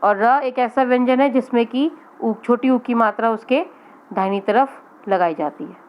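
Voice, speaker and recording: Slow, careful woman teacher. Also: fairly high pitch, highs cut off. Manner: slow, sounds out each letter and word carefully. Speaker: primary school teacher. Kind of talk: children's reading lesson.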